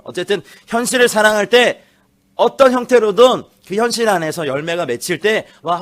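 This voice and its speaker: Brief: male guest pastor, animated comic storyteller, slightly high voice, lively church sermon. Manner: animated, laughing storyteller, acts out teen voices. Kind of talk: lively sermon with acted quotes. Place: church sanctuary.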